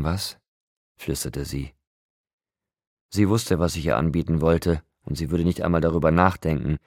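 A man narrating a novel in the first person, in a steady, restrained storytelling manner. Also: a bass voice, no room sound, studio quality. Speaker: audiobook narrator.

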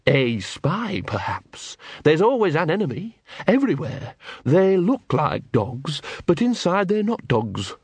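A man plays a paranoid poodle gang boss with a high, drawn-out voice. He speaks slowly, suspicious and quietly threatening. The recording is dry and close. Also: sing-song, husky, no echo, heavily acted. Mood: menacing. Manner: slow, suspicious, sinister. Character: menacing, paranoid male poodle gang leader.

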